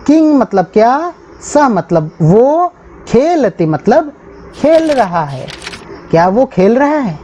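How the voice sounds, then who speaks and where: Slow, lively-voiced woman teacher. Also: a little high, muffled recording, a little hiss or hum. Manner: reads each phrase aloud, then translates it word by word. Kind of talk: explaining a textbook lesson.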